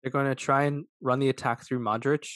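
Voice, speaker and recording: A man's voice: mid-range voice, level tone, a little fast, fairly bright tone, no echo. Blunt man in a dry room. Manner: opinionated, blunt. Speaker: podcast host. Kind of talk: casual sports chat.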